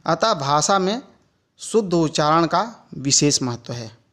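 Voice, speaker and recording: Guy from india teaching a recorded class, slow careful explaining, fairly high voice. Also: expressive, fairly bright tone. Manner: slow, deliberate explanation with spoken examples. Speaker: teacher educator. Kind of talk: recorded e-learning lecture.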